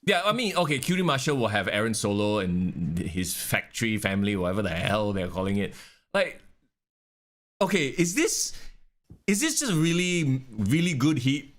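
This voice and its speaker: A man's voice: mid-range voice, big pitch swings, moderate pace. A young man with a Singaporean English accent, co-hosting a wrestling podcast in casual, sarcastic chat, swearing freely. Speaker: podcast co-host.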